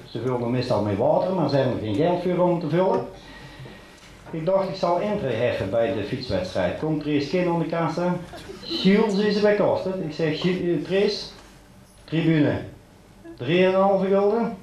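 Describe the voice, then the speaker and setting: In a large hall, a carnival comedian with a voice on the high side works through a monologue for a live audience. He tells chatty local jokes aimed at the punchline, and the hall's echo mixes with loud audience laughter.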